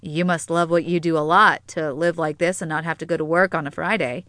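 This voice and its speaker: A woman voicing a teasing young woman, low, unpretentious, audiobook dialogue, dry. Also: steady tone, brisk, fairly bright tone, no room sound.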